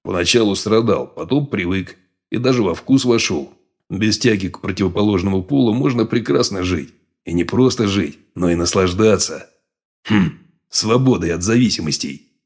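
A male audiobook reader voicing a calm, monstrous mutant sage with a low growling voice. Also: breathy edge, full character voice. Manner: calm, unhurried. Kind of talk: audiobook character voice.

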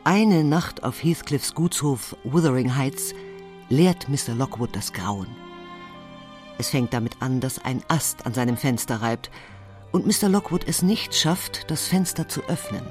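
Male documentary narrator, measured. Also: medium pitch, expressive, music in the background.

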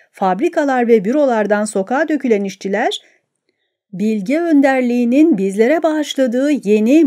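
A man's voice: very high voice, darkish tone. A woman doing a fervent young state announcer. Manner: fervent, proclaiming.

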